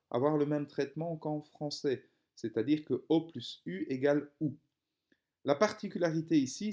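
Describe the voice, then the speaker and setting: A man's voice: medium pitch, dark tone. A young man, explaining a reading lesson step by step, with frequent hesitations and fillers. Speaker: teacher.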